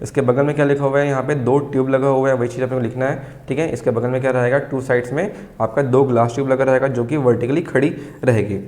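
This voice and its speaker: A young man teaching a civil engineering lesson. He dictates English notes slowly, then explains them in repetitive chat, answering his own questions as he goes. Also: medium pitch, darkish tone.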